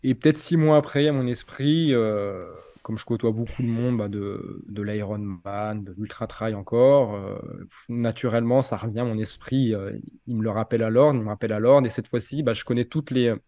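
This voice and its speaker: A man in his forties from France, talking through his own story in a relaxed interview. He slips in and out of acted-out quotes with plenty of hesitations. The recording is close and dry, with no room sound. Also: medium pitch, moderate pace, dry recording. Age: 40s. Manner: animated storyteller, acts out dialogue, many fillers. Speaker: interviewee, ultra triathlete.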